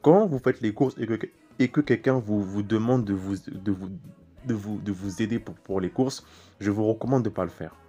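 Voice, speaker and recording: A young man with a fairly low voice preaches in a loose, conversational way, telling his own story. He circles back, repeats words and restarts his sentences, speaking directly to the listener. Soft music plays faintly behind him. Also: normal speed. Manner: rambling, repeats words and restarts phrases often; talks straight to the listener, casual and chatty. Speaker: preacher styling himself a prophet. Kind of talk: informal spiritual teaching and personal testimony.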